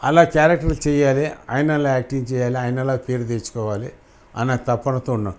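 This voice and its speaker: A man's voice: medium pitch, fairly even intonation, a little fast, a little mellow. A middle-aged man, an actor being interviewed, speaking fervently and repeating phrases for emphasis. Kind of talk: emotional interview answers.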